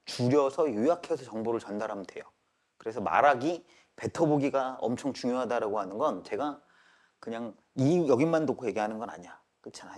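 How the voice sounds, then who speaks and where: Guy teaching math live in a classroom, bit high voice, very animated. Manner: animated, checks in constantly with students.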